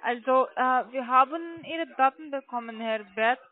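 A woman cold caller speaking with a very high voice and a hesitant, drawn-out delivery. She sounds far from the mic, coming through a tinny phone line.

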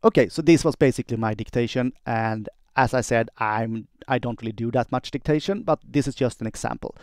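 A man dictating text and voice commands in short phrases as he demonstrates software. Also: mid-range voice, brisk, dry recording, studio quality. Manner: dictating in short clipped phrases, speaking punctuation and commands aloud.

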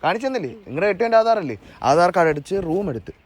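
A man's voice: sits high, very animated, very fast, husky. A Malayali man arguing insistently, stammering and repeating himself. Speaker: prank caller posing as wronged husband. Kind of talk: heated confrontation.

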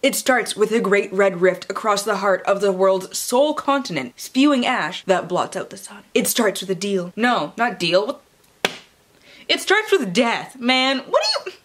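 A young adult book vlogger talks playfully in a room lined with bookshelves, cutting herself off, swearing freely and reading blurbs dramatically. Her mid-range voice is sing-song and a little slow.

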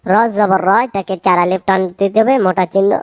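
A woman teaching recitation, chanting verses slowly and drawing out each sound, then explaining the pronunciation quickly. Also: mid-range voice, little pitch movement, no echo. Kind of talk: slow recitation lesson with spoken corrections.

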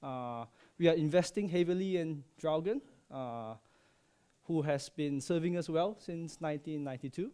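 A man's fairly high, warm voice comes through clean at a moderate pace as he delivers a conference talk in a large lecture hall via headset mic. He is a Malaysian subsea processing engineer in his thirties, friendly, making light jokes and often saying um or uh.

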